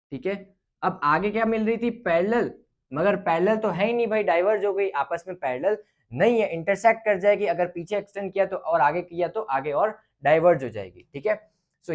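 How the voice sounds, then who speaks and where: A man teaching a physics lesson on light, talking through a problem in a loose, conversational way and often checking in with his students. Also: high voice. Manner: casual, repeats "ठीक है" and thinks aloud. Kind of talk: explaining a lecture on light.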